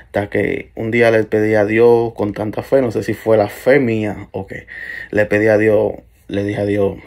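A young man recounts a frightening night-time encounter in first person, with a somewhat low voice. He speaks earnestly and hesitantly, restarting phrases and trailing off as he remembers. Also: little pitch movement, moderate pace, vocal fry, a little mellow. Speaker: storyteller. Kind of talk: first-person paranormal story.

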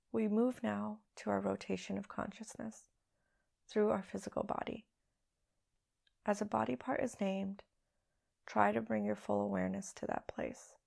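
A woman hosting a podcast leads a guided meditation in a hushed, soothing voice, speaking slowly with long pauses. Her voice is gravelly and medium-pitched, with little pitch movement.

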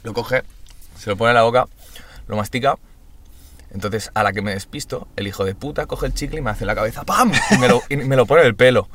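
A man's voice: medium pitch, brisk, fairly bright tone. A young man with a Castilian Spanish accent chatting casually and telling stories to friends in slangy, sweary talk. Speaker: podcast co-host. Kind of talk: casual chat and storytelling among friends.

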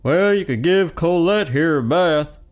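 A man's voice: fairly high pitch, expressive, measured pace, faint music behind, pitched above the performer's own voice. A man voicing a frail, cheerful old man who talks in a folksy drawl.

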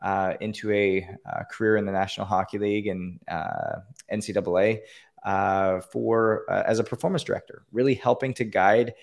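Heard over a call-in line, a man from Canada shares his personal story as a podcast interviewee, earnest but full of fillers and restarts. He has a lowish voice with vocal fry and fairly even intonation, at normal speed.

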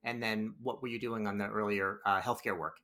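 A business podcast host reads a scripted introduction, then questions his guest loosely and conversationally, with fillers and restarts when he asks. His voice is on the low side, steady, a little fast, and pushed and bright.

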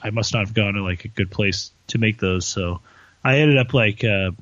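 Man, low voice, blunt casual gaming chat, muffled lo-fi sound, dry. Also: normal speed, a bit bright, dry recording. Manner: blunt, curses freely. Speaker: gamer chatting. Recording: dull lo-fi sound.

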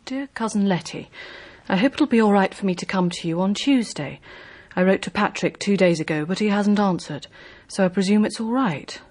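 A woman's voice: mid-range voice, moderate pace, darkish tone, lightly acted. A woman playing a fluttery elderly companion. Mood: reading. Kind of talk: radio drama acting.

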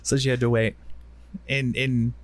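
A man's voice: medium pitch, flat delivery, unhurried. A man co-hosting a casual chat podcast, laid-back and joking, often laughing as he talks. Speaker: podcast co-host.

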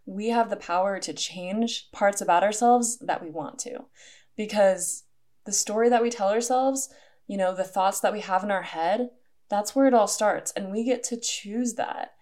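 A young woman talks through a solo podcast monologue, casual and earnest, with plenty of "like" fillers. Her pitch sits in a middle range for a woman. She speaks steadily to the listener. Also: moderate pace, darkish tone. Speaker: podcast host.

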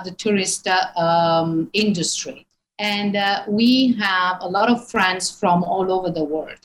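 A woman in her fifties from northern Italy with an Italian accent, speaking English as a tour guide in an interview, often pausing with fillers. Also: mid-range voice, low-quality recording. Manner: hesitant, many fillers. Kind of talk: interview on a call.

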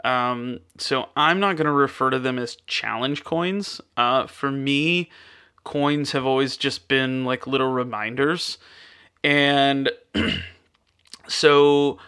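A young man hosts his own podcast from a studio set up in a spare bedroom, rambling casually into a studio microphone. His mid-range voice is slow, clear and resonant, and he's relaxed, with plenty of fillers and restarts.

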